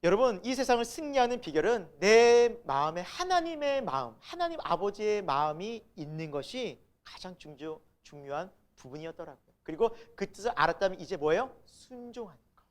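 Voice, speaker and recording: A woman's voice: mid-range voice, sing-song, brisk. A middle-aged woman pastor preaching a sermon, emphatic, asking the congregation rhetorical questions and building to exclamations.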